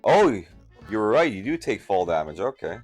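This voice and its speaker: A man streaming a game, giving casual, excitable commentary while thinking aloud and reading chat. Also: fairly low pitch, normal speed, faint music behind. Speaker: gaming streamer.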